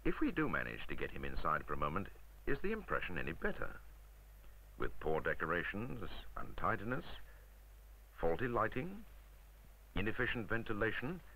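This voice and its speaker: Narrating a 1960s instructional film, a British man with a deep, highly animated voice sounds wry and emphatic, putting rhetorical questions to the listener in crisp, scripted, bright and forceful delivery. He moves at a moderate pace with long pauses. The rough recording has slight background noise.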